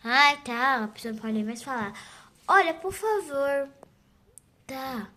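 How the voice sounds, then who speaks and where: A woman's voice: high voice, lively intonation, takes it slowly, bright, forceful tone, exaggerated voice. [name], a young woman doing a huffy flight attendant. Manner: huffy and put-upon. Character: rude, lazy female flight attendant.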